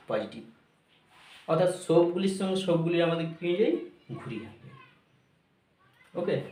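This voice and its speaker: A man teaches grammar, blending English phrases into his explanations, repeating each point and checking that his students understand. His voice is on the high side with a darkish tone, in an echoey room.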